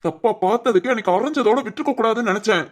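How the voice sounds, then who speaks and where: A woman's voice: fairly high pitch, animated. A woman voicing a hot-tempered young man who protects his fiancée and speaks in an angry, commanding way, in an amateur family drama. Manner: angry, commanding, quick to threaten.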